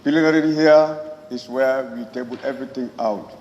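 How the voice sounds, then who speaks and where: A man with a Gambian accent gives a parliament speech at a middle pitch, phrasing deliberately and haltingly. The sound is muffled and reverberant, as in a big chamber. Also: steady tone, darkish tone. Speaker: member of parliament. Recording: echoey hall, muffled, faint noise.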